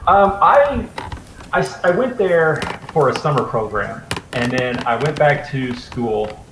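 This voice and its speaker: A man's voice: mid-range voice, animated, a little slow, roomy sound, noisy background. A man in his forties from North Carolina, a guest telling stories in a casual interview, easygoing with lots of fillers. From Raleigh, North Carolina. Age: 40s. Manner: easygoing storyteller, frequent fillers. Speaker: interview guest, video creator.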